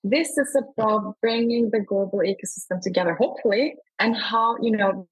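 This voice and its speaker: A woman from Scandinavia with a husky, slightly breathy voice talks with eager emphasis about her work. Her pitch sits in the middle range. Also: normal speed, poor audio. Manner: enthusiastic, emphatic. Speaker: investor and award founder. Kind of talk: enthusiastic interview talk.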